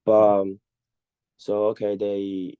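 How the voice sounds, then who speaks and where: A man's voice: fairly low pitch, monotone, slow pace, clean tone, no echo, phone-quality sound. A young man from the Congo with a Congolese accent, speaking English as a second language and telling a personal story informally and hesitantly on a video call. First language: not English. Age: young adult. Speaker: student speaker sharing their journey.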